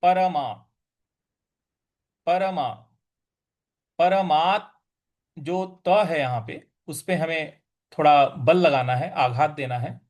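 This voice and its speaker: A man teaching how to pronounce a Sanskrit verse. He patiently explains where to put stress, then chants each word slowly. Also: a little high. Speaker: teacher of Gita recitation. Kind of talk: pronunciation lesson with slow chanting.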